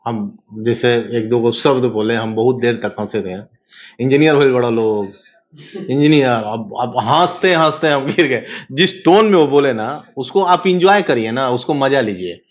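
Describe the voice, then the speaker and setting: A man, giving an interview in an animated, emphatic, lecturing way. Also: mid-range voice, a little slow, few pauses. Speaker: interview guest. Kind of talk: casual interview talk. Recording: dull lo-fi sound.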